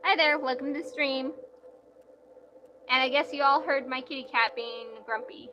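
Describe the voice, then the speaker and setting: A woman's voice: high-pitched, normal speed, muffled recording. A young woman streaming and reading out live chat in a casual, rambling way, full of "like" fillers.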